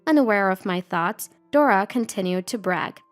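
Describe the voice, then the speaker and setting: A woman reading a first-person revenge story as a scripted narration, in an even, measured way. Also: medium pitch, faint music behind.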